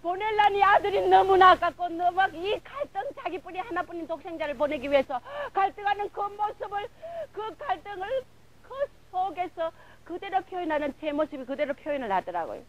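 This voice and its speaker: A woman's voice: very high voice, expressive, a little fast, poor audio. A woman preacher giving an emotional sermon testimony, retelling events in a fervent, breathless way with many filler words.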